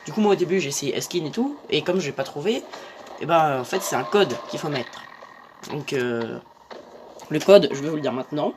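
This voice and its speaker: A man's voice: fairly high pitch, animated, normal speed, background noise. A young man giving casual commentary on a video game as he plays, hesitant and full of fillers. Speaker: gaming youtuber. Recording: game music behind.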